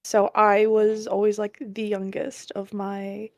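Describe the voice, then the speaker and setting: A woman's voice: medium pitch, monotone, takes it slowly, darkish tone, dry recording, clean studio sound. A woman in her twenties co-hosting a podcast, cheerful and giggly in casual chat, with a slightly hesitant, filler-laden way of talking. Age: 20s. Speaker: podcast co-host.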